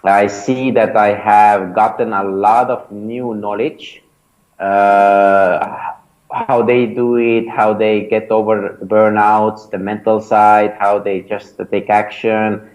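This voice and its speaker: With little pitch movement, a man speaks slowly in a lowish, darkish voice. He is an Estonian-accented startup founder and mentor in his thirties, a native Estonian speaker, giving casual, hesitant interview answers packed with fillers and restarts. The recording quality is low.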